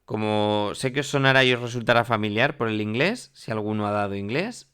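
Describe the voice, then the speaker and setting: A man's voice: on the low side, brisk, fairly bright tone, clear, resonant tone. A man teaching French to Spanish speakers in a classroom lesson, explaining patiently and checking in often with the class. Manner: explanatory, repeats "¿vale?" and "mirad" often.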